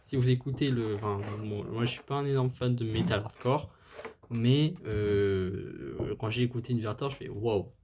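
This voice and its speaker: A man with a mid-range voice hosts a music channel, casually going through a band's history at a moderate pace with background noise behind him. He's enthusiastic about the music but hesitant, full of fillers and restarts, apologizing when he stumbles over foreign names.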